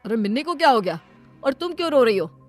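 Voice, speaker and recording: A blunt, irritated cartoon dad, voiced by a woman. He scolds in short, brisk bursts, with a noticeably lower voice than the woman's usual high tone. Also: big pitch swings, faint music behind. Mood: annoyed. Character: stern middle-aged father, blunt and irritated. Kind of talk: Hindi cartoon voice acting.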